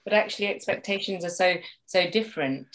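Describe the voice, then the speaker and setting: Woman mediator guest, chatty and animated, does little voices when she quotes people. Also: on the low side, brisk, slight background noise. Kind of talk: conversational interview.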